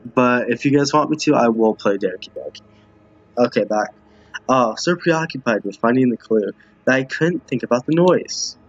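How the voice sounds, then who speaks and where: A streamer with an animated, slightly rough mid-range voice talks casually through a visual novel with his viewers at normal speed. Reading the dialogue aloud, he often stumbles and goes back over lines, all captured in a muffled, roomy home recording.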